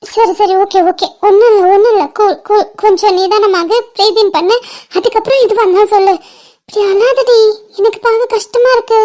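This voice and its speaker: A woman voicing a very high, anxious cartoon friend. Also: steady tone, brisk, darkish tone. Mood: worried. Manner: anxious, pressing questions, coaxing. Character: worried young woman comforting her crying best friend.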